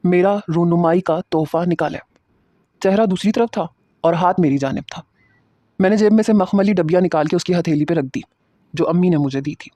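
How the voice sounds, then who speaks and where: A man's voice: high-pitched, dark tone, dry recording. A man telling a dramatic story in the first person.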